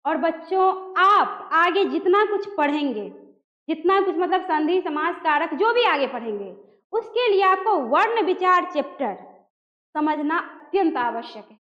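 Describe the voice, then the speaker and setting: High-voiced woman teaching in an echoey room. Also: animated, unhurried. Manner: addresses students as children, asks and answers own questions. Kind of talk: classroom grammar lesson. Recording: echoey dull room recording.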